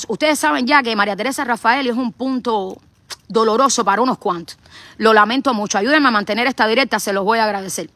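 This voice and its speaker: A woman's voice: a little high, sharp tone, no echo. A middle-aged woman from Cuba with a Cuban accent, giving an impassioned live stream as an activist streamer. She speaks in a fiery, repetitive, preacher-like way.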